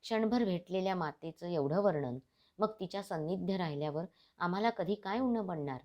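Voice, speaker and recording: A woman reading as a serene gentle saint. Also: lowish voice, lively intonation, fairly quick, muffled recording, lightly acted.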